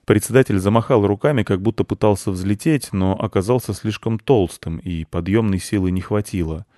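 Low, mellow-voiced male storyteller. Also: fairly quick, no echo, clean studio sound. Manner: calm, even storytelling. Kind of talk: scripted children's story narration.

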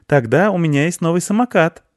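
A man doing a bossy little girl, high and insistent. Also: expressive, dry recording, clean studio sound, natural voice. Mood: lively. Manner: brisk, insistent. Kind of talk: audiobook character voice.

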